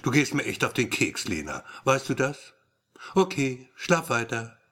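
A man's voice: medium pitch, sing-song, measured pace, sharp tone, slightly rough, full character voice. A man reading a lazy, teasing male friend in an audiobook, with a grumbling, teasing manner.

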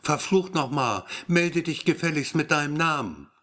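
A man reading a sharp-tongued, impatient woman journalist in an audiobook, speaking in a curt, sarcastic way. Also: on the high side, animated, normal speed. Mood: scornful.

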